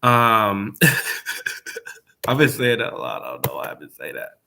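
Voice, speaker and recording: A man's voice: on the low side, sing-song, slow, creaky, bright, forceful tone. A man hosting his podcast, chatting casually on a livestream with a stuffed-up nose, rambling loosely and dropping swear words and slang. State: congested nose. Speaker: podcast host.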